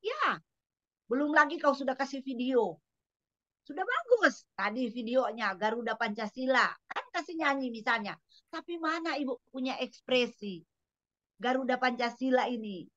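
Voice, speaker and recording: A woman's voice: high voice, sing-song, normal speed, a bit bright, no room sound, muffled recording. A woman lecturer giving instructive feedback to a trainee teacher, asking pointed questions and acting out classroom examples.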